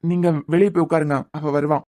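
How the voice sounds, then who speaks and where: A woman voicing a stern young man in a cartoon serial, speaking in a deep put-on male voice with a Kanyakumari Tamil accent, in terse commands. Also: little pitch movement, brisk, dark tone, close to an everyday voice. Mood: firm, worried. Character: stern young man, worried father figure.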